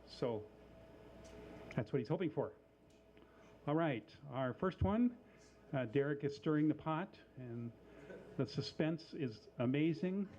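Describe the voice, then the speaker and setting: A man hosting a live coffee house show, casual and halting, with lots of fillers and dry little jokes. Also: on the high side, animated, dark tone, dull audio. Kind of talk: casual live emcee patter.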